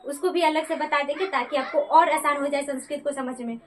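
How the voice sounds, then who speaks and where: A very high-voiced woman teaching grammar like a classroom lecture. She keeps putting questions to her students and answering them herself. A faint hiss runs under the recording. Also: steady tone, a little fast.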